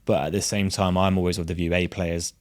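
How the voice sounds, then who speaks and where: A man's voice: low voice, level tone, brisk, a little mellow. A man hosting a podcast, asking long, rambling multi-part questions in a casual way. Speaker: podcast host.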